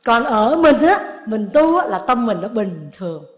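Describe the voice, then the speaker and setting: Lively storytelling nun in an echoey room. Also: female voice, a little high, measured pace. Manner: lively storytelling, acts out quoted people, chuckles. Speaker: Buddhist nun giving a dharma talk. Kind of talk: sermon.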